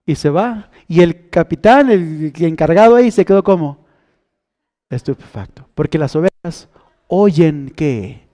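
A man, preaching a sermon as pastor and quizzing his congregation, shifting from hushed lines to loud, drawn-out calls. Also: on the high side, animated. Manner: call-and-response questions to the congregation.

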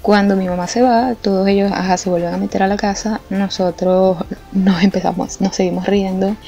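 A young Venezuelan woman telling a funny anecdote in a lively, colloquial way, laughing often. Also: mid-range voice, moderate pace, vocal fry. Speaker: art vlogger. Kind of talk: casual storytelling. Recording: slightly muffled with faint music. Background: faint background music.

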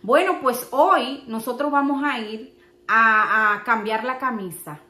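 A young Dominican woman with a Dominican Spanish accent, telling a story as a vlogger in a chatty, animated, exclamatory way and acting out the voices she quotes, recorded in her home kitchen. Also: a little high, slow, reverberant.

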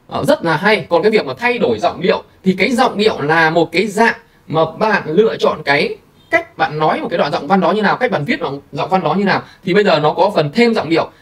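A man hosting a screen-recorded software tutorial, talking casually to viewers with many fillers. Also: fairly high pitch, recorded from a distance. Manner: chatty, filler-heavy, addresses viewers directly. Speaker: tutorial host.

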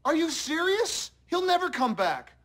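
A man's voice: high-pitched, animated, moderate pace, fairly bright tone. An actor playing a busy, forgetful grown-up rich father in a TV sitcom, with a breezy delivery. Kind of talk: TV sitcom acting.

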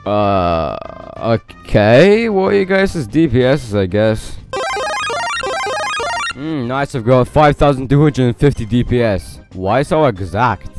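A man's voice: mid-range voice, expressive, takes it slowly, music in the background. A man narrating a comedic game meme, bickering and switching between silly character voices. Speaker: meme video creator.

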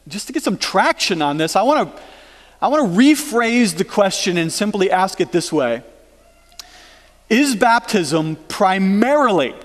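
High-voiced pastor in an echoing church. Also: male voice. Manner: conversational, questioning, emphatic. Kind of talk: sermon. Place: church sanctuary. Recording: long church reverb.

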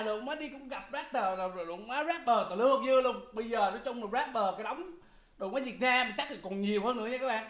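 A man's voice: extremely high pitch, fairly bright tone. A man hosting a reaction video, exclaiming often, laughing and repeating lines from a rap song. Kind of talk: excited reaction commentary. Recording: echoey room with music playing. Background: hip hop music.

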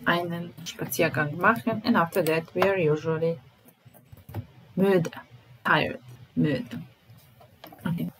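A woman teaching German vocabulary, explaining in English and slowly repeating each word and verb form. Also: fairly low pitch, fairly even intonation, a bit bright, slight background noise, poor audio. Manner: slow and deliberate, repeating each word and conjugating verbs. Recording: music playing under the voice.

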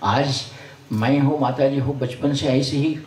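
A man's voice: mid-range voice, fairly even intonation, unhurried, darkish tone. An older man, a spiritual teacher, giving a folksy sermon to a gathering, blessing and scolding by turns. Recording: roomy sound from far off the mic.

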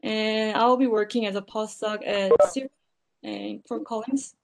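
A woman from South Korea gives a short self-introduction over a video call, her voice carrying a gravelly fry. She sounds a little tired and lets her phrases fade softly. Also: mid-range voice, steady tone, a little slow. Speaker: early-career researcher. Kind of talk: online panel self-introduction.

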